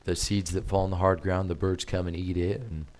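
A man preaching a sermon as a visiting missionary, in a plain conversational way, halting often with fillers and restarts, his voice a little strained. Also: low-pitched, level tone, darkish tone. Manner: hesitant, many fillers and restarts.

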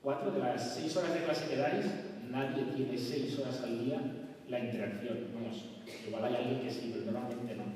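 A man with a Spain Spanish accent gives a lively talk from a stage, throwing questions out to the audience. His mellow voice carries from far off through a big hall with a long, echoing reverb and faint room noise. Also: mid-range voice, moderate pace. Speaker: conference speaker. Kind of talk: conference presentation. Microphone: far camera, room mic.

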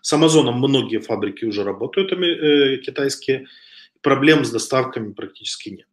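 This is a man in his thirties, an online business instructor, lecturing over slides via webcam in a home room with wooden shelves. His medium-pitched voice is animated and fairly quick, his delivery conversational with many hesitations and restarts. A cold gives him a slight cough, and the room echoes.

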